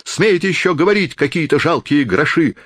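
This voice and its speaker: A man voicing a capricious, quarrelsome young actress who speaks in shrill, indignant outbursts. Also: sing-song, normal speed, breathy edge, no echo, studio quality. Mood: outraged.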